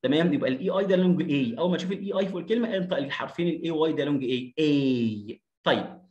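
A man with an Egyptian Arabic accent gives a phonetics lesson, his voice sitting a little high for a man. He repeats each sound and example word and checks in with his listeners. The recording carries a noticeable room echo. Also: racing, a little mellow, lo-fi sound. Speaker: English teacher training teachers.

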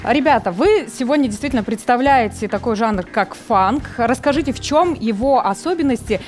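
A woman's voice: fairly high pitch, animated, normal speed, a little mellow. A woman in her thirties hosting a TV music show from a studio stage, presenting like a boxing ring announcer. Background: faint music.

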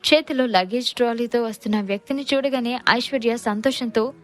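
A woman narrating a scripted audio story in a lively, expressive way. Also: a little high, fairly quick, faint music behind.

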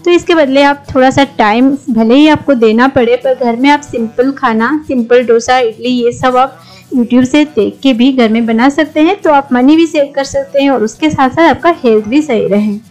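Speaking at normal speed in a high voice, a middle-aged Indian woman narrates her home cooking channel. Soft music plays behind the voice-over as she offers friendly kitchen tips, mixing English words into her Hindi.

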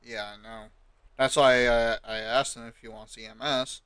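A man's voice: mid-range voice, fairly even intonation, normal speed, fairly bright tone, smooth, no echo. A man improvising as a police officer in game role-play, speaking matter-of-factly.

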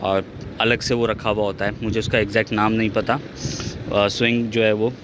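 A middle-aged man walking a camera around his rooftop and describing the planned renovation in a relaxed, enthusiastic way, pausing often to think. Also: lowish voice, background noise. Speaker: vlogger showing a rooftop renovation. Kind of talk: casual walkthrough narration. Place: rooftop of a house, outdoors.

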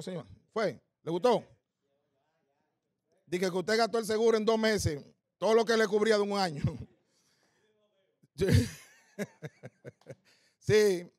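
A man's voice: high voice, no echo, clean studio sound. A man with a Dominican accent doing stand-up comedy, telling punchy stories laced with coarse slang and quizzing the audience. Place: live comedy stage.

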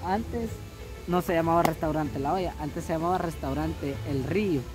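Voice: mid-range voice, normal speed, music in the background, low-quality recording. A speaker with a Salvadoran Spanish accent casually telling the place's story and inviting viewers. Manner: informal storytelling.

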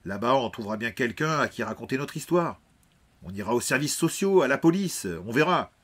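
A determined teenage boy takes charge of his frightened twin with a firm, commanding voice, as a man puts him on for an audiobook. The voice sits higher and louder than the narration, with a husky edge. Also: lively intonation, brisk.

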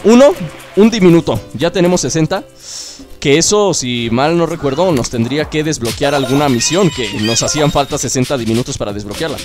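A young man, chatting excitedly as he plays through a video game and cheers himself on. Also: fairly high pitch, fairly quick. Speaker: gaming YouTuber. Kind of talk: let's play commentary. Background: game music.

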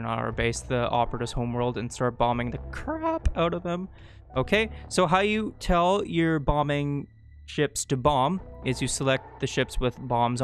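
A man giving a casual, rambling tutorial while playing a strategy game, often correcting himself mid-sentence. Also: medium pitch. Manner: rambling, self-correcting, chatty asides. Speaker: gameplay guide host. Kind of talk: casual gameplay tutorial commentary.

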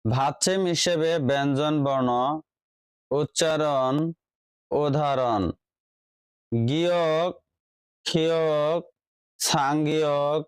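Slow, measured man teaching pronunciation rules. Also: fairly high pitch, clean tone, no echo, low-quality recording. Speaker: language teacher. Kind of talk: scripted lesson narration.

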